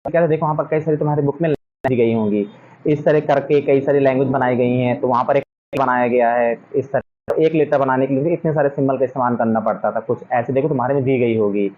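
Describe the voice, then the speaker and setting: A man's voice: medium pitch, brisk. A young adult man teaching a class, explaining a textbook chapter in casual talk that mixes in English phrases and asks many rhetorical questions. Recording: dull lo-fi recording.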